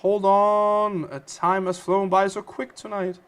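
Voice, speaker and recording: A Danish-accented man hosts a casual gaming livestream. He chats playfully with viewers, answering their comments. His voice sits a little high for a man. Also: flat delivery, slow pace, fairly bright tone, smooth. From Denmark. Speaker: livestream host.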